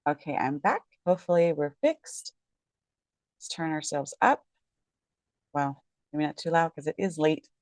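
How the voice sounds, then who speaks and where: Unhurried and pausing often, a woman with a low-pitched, somewhat mellow voice casually discusses a court case from home late at night. She's a real estate agent and legal commentator who sounds tired and worn, rambling, self-correcting, and apologetic. The recording is dry with clean studio sound.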